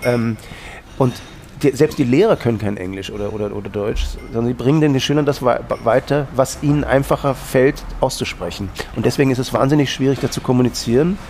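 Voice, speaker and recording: Gravelly Austrian man telling anecdotes. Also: mid-range voice, a little fast, darkish tone, a little hiss or hum. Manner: rambling and anecdotal, with many restarts. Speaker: guest. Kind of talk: casual interview talk.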